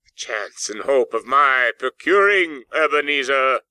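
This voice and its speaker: A man voicing the remorseful, solemn ghost of a dead businessman in a storybook, declaiming with drawn-out, wailing words. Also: mid-range voice, expressive, sharp tone, clean tone, no echo, voice pushed up. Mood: solemn warning. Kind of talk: dramatic audiobook character acting.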